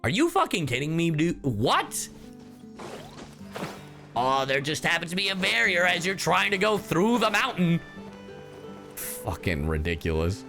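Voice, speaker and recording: A man who streams games and works as a professional voice actor plays live, reacting with casual, joking, sweary commentary while faint game music sits behind him. His voice is on the high side and gravelly, with huge pitch swings and a pushed, bright quality. He keeps a measured pace and pauses often.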